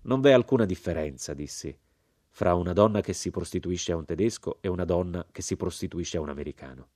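Male narrator, literary reading, calm, measured, dry close sound, faint music behind. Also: sits low, dry recording. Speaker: audiobook reader.

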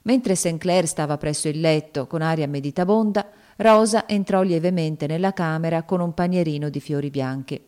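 A woman narrating a novel in a measured, solemn audiobook reading. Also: low-pitched, darkish tone.

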